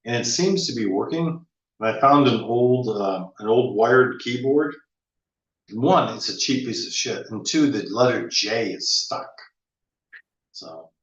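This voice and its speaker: A man in casual conversation, musing with a wry, teasing manner and many restarts. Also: on the low side. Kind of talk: casual reflective chat. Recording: roomy, slightly dull audio.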